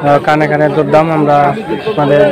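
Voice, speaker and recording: A man's voice: fairly high pitch, monotone, a little fast. A man reporting on location at an outdoor market, explaining things in repeated phrases and putting short questions to traders. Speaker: video reporter. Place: outdoor wholesale fruit market. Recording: loud crowd and street noise behind.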